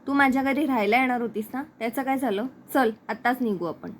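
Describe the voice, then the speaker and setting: A woman's voice: a little high, fast talker, a little hiss or hum, natural voice. A woman reading a possessive young boyfriend. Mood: confronting. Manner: plain reading of quoted lines.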